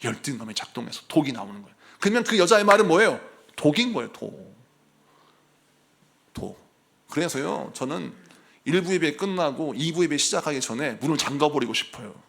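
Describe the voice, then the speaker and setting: A male senior pastor giving a Sunday morning sermon in a church, animated and acting out the voices he quotes. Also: on the high side, fairly quick, gravelly. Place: church sanctuary.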